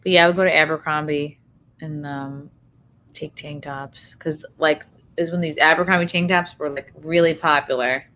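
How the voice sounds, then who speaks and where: Bright, blunt woman in casual chat. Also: deep voice, fairly even intonation, moderate pace, slight background noise. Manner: blunt, sweary, conversational. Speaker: livestream host.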